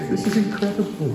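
A man in his forties with an English Midlands accent, narrating an exploration vlog in a dark abandoned school in hushed, awed tones. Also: high voice. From England. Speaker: urban explorer host. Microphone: camera mic held at arm's length. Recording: echoey empty rooms with loud music.

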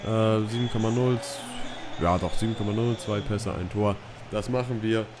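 Low-voiced man commenting on gameplay. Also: steady tone, normal speed, noisy background. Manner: chatty, reads menu options aloud and reacts loosely. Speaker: gaming YouTuber. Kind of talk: casual let's-play commentary.

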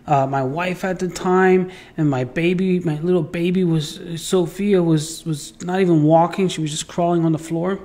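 A man's voice: on the high side, normal speed, hardly any pauses. A man telling a personal story in a casual monologue, acting out voices and sound effects and swearing freely. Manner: swears freely, repeats words when excited. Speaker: podcast host.

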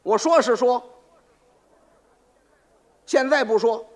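A man's voice: very high voice, voice pushed up. A man voicing a sly, self-important male fortune teller who is faking his powers. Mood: smug. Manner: slow, pompous, self-important.

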